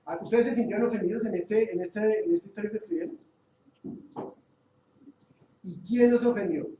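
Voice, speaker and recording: A high-pitched man runs a workshop, his voice mellow and warm. He keeps asking the room questions and repeats his main points. He sounds distant from the mic in an echoey training room with faint hiss. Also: normal speed. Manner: asks the group questions, stresses key points. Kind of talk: group training session.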